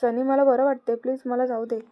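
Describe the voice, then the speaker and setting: A woman's voice: high-pitched, little pitch movement, a little fast, dull audio, close to an everyday voice. A woman reading the lines of a flustered young female employee in a storybook reading, pleading and protesting.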